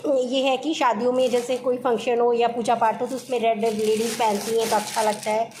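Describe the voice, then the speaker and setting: A woman's voice: fairly high pitch, level tone, brisk, darkish tone, a little hiss or hum. A middle-aged woman vlogging casually from home, homely and chatty, now and then lecturing. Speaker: family vlogger. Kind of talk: casual vlog chat.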